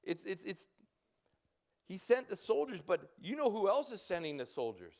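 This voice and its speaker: A man in his fifties with a Canadian accent, preaching a sermon in a halting way, repeating words and breaking into urgent calls to act. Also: high voice, big pitch swings, a little mellow. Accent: Canadian English. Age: 50s. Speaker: pastor.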